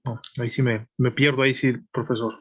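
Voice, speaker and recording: A man's voice: mid-range voice, flat delivery, a little fast, fairly bright tone, slightly rough. A man taking part in an online class as a student, reading lines and answering hesitantly.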